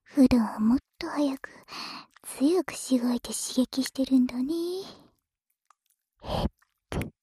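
A playful newlywed wife who casts magic, voiced by a woman, whispering right at your ear in an audio roleplay. her voice is high but warm and very breathy, and she takes her time, drawing out each teasing word. the recording is bone dry and intimate, as if from a close mic. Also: slow, long pauses, dry recording, full character voice.

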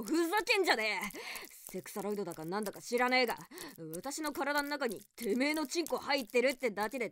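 A woman voicing a defiant, foul-mouthed captive young woman in an adult audio drama, talking rough and coarse, with stammers and panting between words. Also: high voice, pushed and bright, exaggerated voice. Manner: rough, coarse street talk, snarling threats.

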